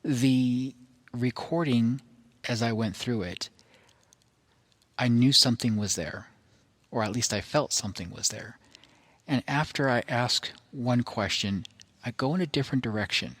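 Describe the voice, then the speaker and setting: A man presenting a recording in an explanatory monologue, phrasing things carefully and haltingly, in short deliberate pieces. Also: medium pitch, a bit bright.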